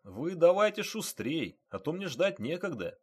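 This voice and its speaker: A man voicing a blunt, grumbling male police driver who talks loudly and complains. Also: a little high, big pitch swings, unhurried, husky, pitched above the performer's own voice, heavily acted. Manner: loud, complaining.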